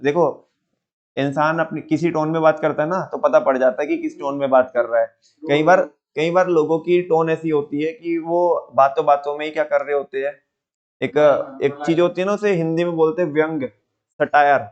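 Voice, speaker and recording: A man teaching a class in a relaxed, conversational way, often checking that students follow. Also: on the high side, normal speed, highs cut off. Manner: conversational, with frequent rhetorical check-ins. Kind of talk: classroom lecture.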